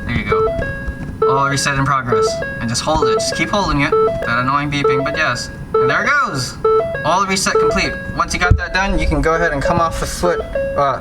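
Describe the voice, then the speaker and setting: A man walking viewers through car maintenance in a casual how-to style, chatty and hurried as he works. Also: on the high side. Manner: hurried, chatty, restarts phrases while working. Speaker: DIY car maintenance vlogger. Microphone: camera-mounted mic. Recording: echoey garage, faint noise.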